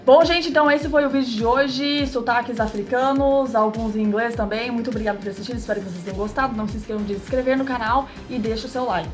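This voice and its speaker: A woman's voice: a little high, fast, hardly any pauses, music in the background. A woman from Brazil, a Portuguese native speaker, hosting casually with brief replies. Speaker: channel host. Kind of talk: casual chat.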